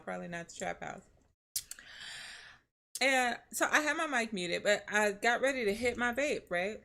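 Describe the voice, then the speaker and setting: A woman with a bright voice, a little above the usual pitch, co-hosting a live reaction stream. She tells a story in a lively, profane way and keeps breaking into laughter. It sounds like easy, casual talk with an audience. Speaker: streamer co-host.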